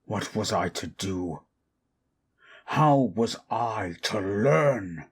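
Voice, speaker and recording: A man playing Frankenstein's bitter, anguished monster in a dramatic audio monologue, with a raspy, gravelly voice and theatrical, archaic, deliberate delivery. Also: on the low side, lively intonation, full character voice. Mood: bitter, wounded. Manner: slow, deliberate, theatrical, archaic formal diction. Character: Frankenstein's monster, bitter, anguished, wrathful abandoned male creation.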